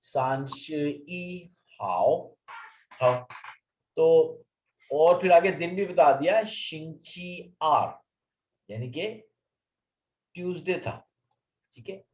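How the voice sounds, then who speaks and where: A male language teacher talking through a lesson with a fairly high, very lively voice that rises and falls a lot. He explains patiently, repeats key phrases and keeps checking that his student has understood. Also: slow pace, long pauses.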